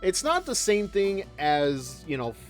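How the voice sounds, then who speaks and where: Casting: male game streamer, lively intonation, casual, meandering, hesitant chat. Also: high voice, a little slow, soft background music. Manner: rambling, hesitant, conversational. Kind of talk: casual live commentary and chat.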